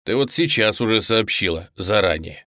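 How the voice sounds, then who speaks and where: Man playing a gruff, curt young man. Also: fairly low pitch, animated, moderate pace, a bit bright, dry recording, studio quality. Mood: tense. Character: blunt, gruff young man, whispering harshly.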